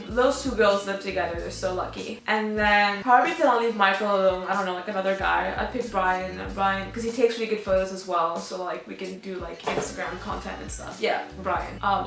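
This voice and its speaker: A woman's voice: mid-range voice, a bit bright. Chatty young woman in an echoey room. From Dubai. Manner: chatty, filler-heavy, frequent "like". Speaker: fitness vlogger. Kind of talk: casual Q&A vlog.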